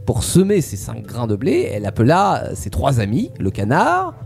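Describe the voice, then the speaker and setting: A man's voice: mid-range voice, huge pitch swings, normal speed, vocal fry, darkish tone, faint music behind. A man casually telling a fairy tale to friends, playful, with fillers and asides. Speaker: storyteller.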